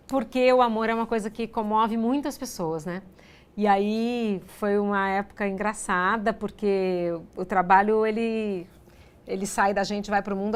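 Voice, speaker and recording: A woman artist giving a talk to educators with a Brazilian Portuguese accent, conversational, acting out dialogue and often adding tag questions. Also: mid-range voice. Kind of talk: lecture with anecdotes.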